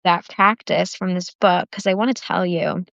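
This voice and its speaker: A woman's voice: on the low side, fairly even intonation, moderate pace, creaky, fairly bright tone, no room sound. A woman hosting a self-love workshop on a livestream, talking casually with lots of "like" fillers after a guided meditation. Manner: chatty, with frequent "like" fillers. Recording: dry, slightly dull lo-fi livestream audio.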